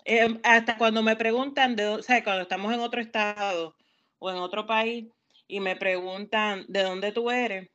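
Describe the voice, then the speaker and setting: A woman's voice: mid-range voice, fairly even intonation, moderate pace, a bit bright, muffled recording. A Puerto Rican woman co-hosting a podcast, speaking earnestly and giving direct, emphatic advice. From Puerto Rico. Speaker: podcast co-host. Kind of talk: casual chat.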